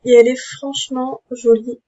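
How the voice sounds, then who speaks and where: A woman's voice: high voice, level tone, moderate pace, mellow, lo-fi sound. A young woman chatting casually with many fillers and restarts as she shows off her game account. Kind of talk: casual gameplay commentary.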